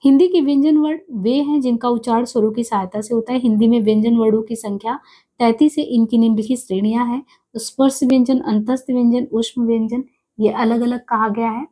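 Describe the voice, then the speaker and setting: A woman teaching an exam-prep grammar lesson, explaining step by step and repeating each sound and letter slowly. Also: a little high, steady tone, mellow, husky.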